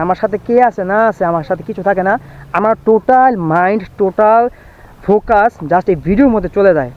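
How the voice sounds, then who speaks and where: A man vlogging a walking tour outdoors on a windy farm, chatty and always telling viewers to look, his voice going hoarse. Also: high voice. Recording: dull lo-fi phone audio with faint outdoor noise.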